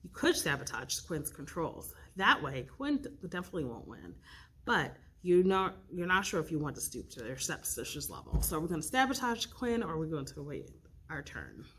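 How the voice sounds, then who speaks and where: A woman reading an interactive storybook aloud, expressive and stopping to pick the story's path. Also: sits low, moderate pace, breathy edge. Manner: expressive, with slips and restarts, rolling dice for choices. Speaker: youth librarian reading aloud.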